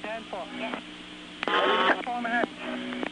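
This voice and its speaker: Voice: medium pitch, level tone, slow pace. An emergency dispatcher giving terse, clipped, procedural updates in radio codes over a two-way radio. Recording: very noisy emergency radio channel.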